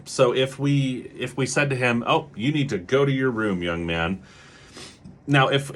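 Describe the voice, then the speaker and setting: A man's voice: deep voice, fairly bright tone, breathy edge. A man, a child behavior clinician, explaining in an educational video, hedging with many fillers and briefly acting out what parents say.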